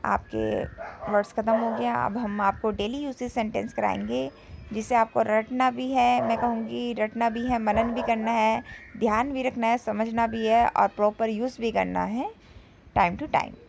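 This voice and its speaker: Gravelly Indian woman teaching English. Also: fairly high pitch, fairly even intonation, background noise. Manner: says each sentence in Hindi, then repeats it slowly in English. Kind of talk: spoken vocabulary lesson.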